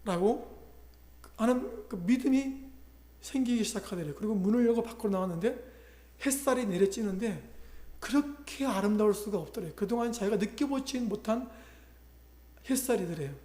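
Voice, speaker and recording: A man's voice: sits high, lively intonation, normal speed, long pauses, dark tone, roomy sound. A male pastor preaching a sermon, retelling a conversion story and voicing the people in it. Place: church sanctuary.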